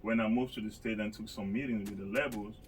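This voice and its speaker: A man from Cameroon with a fairly low voice talks through his story in a loose, relaxed way. He sounds a bit away from the mic, and music plays steadily under him. It has the feel of a casual radio guest spot. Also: fast talker, far from the mic. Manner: relaxed, rambling storytelling with fillers. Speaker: guest rapper. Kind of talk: casual interview chat.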